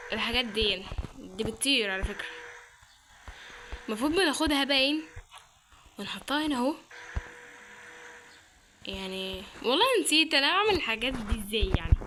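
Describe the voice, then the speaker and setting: Young Egyptian woman gamer, chatty and jumpy, bright and a touch high. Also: a little hiss or hum. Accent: Egyptian Arabic. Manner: chatty, thinks aloud, startled exclamations. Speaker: gaming channel host. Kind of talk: let's-play commentary.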